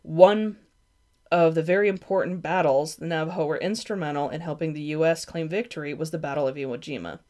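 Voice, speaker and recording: Young woman, low voice, podcast host reading a history script with casual asides. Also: fairly quick, dark tone. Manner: reads from a script, stumbles on names and apologizes.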